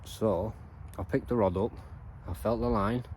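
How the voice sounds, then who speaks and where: Slow, low-voiced angler on a riverbank. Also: male voice, slight background noise. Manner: calm and low-key, explaining his fishing spot. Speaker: angler filming his own fishing session. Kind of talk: casual outdoor vlog narration. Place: outdoors on a riverbank.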